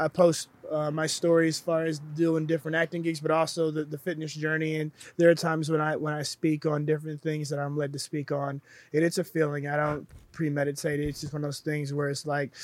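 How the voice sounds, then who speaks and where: A man guesting on a casual chat, an actor who talks easily with many pauses and fillers. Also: on the high side. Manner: easygoing, many "uh"s, spells things out slowly.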